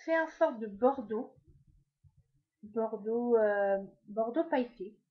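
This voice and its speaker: A French beauty vlogger chats casually at home about a makeup haul in an expressive, fairly high voice, taking her time. She uses many fillers and trailing asides, and the sound is lo-fi.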